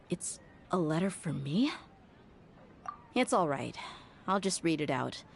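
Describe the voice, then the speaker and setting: A woman's voice: lowish voice, very animated, slow, gravelly, a little hiss or hum, full character voice. An actress playing a tough but tender-hearted young mercenary woman from the desert in a video game. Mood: steady, curious. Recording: music behind the voice.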